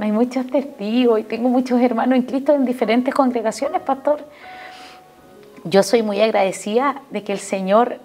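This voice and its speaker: A Chilean woman shares her faith testimony in a TV interview, her voice sitting a little high. She speaks earnestly and keeps turning to address the pastor. Soft music plays faintly underneath. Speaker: guest giving a testimony.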